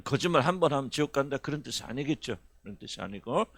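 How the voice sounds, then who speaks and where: A man's voice: mid-range voice, expressive, fast, a bit bright, no echo. A middle-aged male pastor preaching a sermon in a folksy, conversational way, often asking the congregation questions. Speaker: senior pastor.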